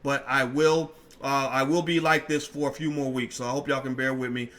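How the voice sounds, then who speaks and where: A man's voice: medium pitch, flat delivery, fairly quick, a bit bright. A man podcast host speaking in a blunt, emphatic monologue, repeating phrases, with a slight odd sound in his teeth from dental work. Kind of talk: opinionated monologue to camera.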